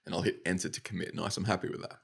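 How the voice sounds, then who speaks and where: A young Australian man with a slightly nasal, stuffy voice, casually talking through a software tutorial step by step. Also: deep voice, fairly even intonation, racing, gravelly, husky. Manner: casual, upbeat, talks through each click. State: nasal from hay fever. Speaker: motion design tutor.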